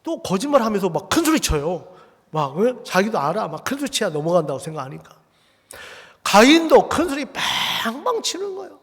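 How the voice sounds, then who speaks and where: Male pastor, lively sermon, rhetorical questions, ringing church hall. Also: high voice, husky. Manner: animated preaching, rhetorical questions to the congregation; acts out quoted voices in a raised, slowed delivery. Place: church sanctuary. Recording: long hall reverb.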